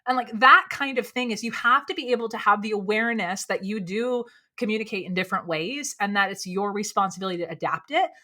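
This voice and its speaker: In a candid conversational interview, a speaking coach with a low voice talks openly as a guest on a podcast. She speaks fast and animatedly, leaning heavily on the word "like."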